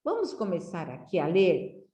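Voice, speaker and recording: A Brazilian woman teaching young children to read, drilling syllables slowly and asking them friendly questions. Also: fairly low pitch, huge pitch swings, mellow. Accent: Brazilian Portuguese. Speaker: literacy teacher. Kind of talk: slow, clearly enunciated lesson for young children. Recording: echoey room.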